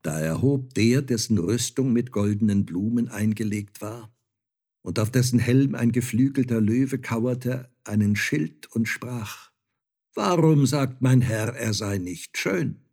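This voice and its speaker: A man reading a fairy tale aloud as narrator, calm and measured. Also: on the low side, slightly rough.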